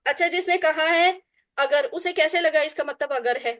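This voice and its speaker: A woman teaching a class on Quranic Arabic, drilling word forms slowly and deliberately, then explaining them. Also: high-pitched, fairly bright tone.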